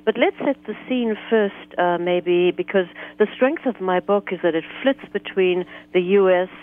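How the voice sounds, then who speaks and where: Woman talking over a tinny phone line. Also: on the low side. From South Africa. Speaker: guest author. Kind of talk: political talk radio interview.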